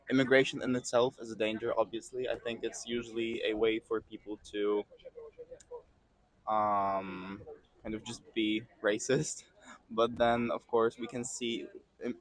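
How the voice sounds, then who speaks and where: Flat-voiced man, hedging answer. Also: mid-range voice, poor audio. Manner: measured, hedging. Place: city street outdoors.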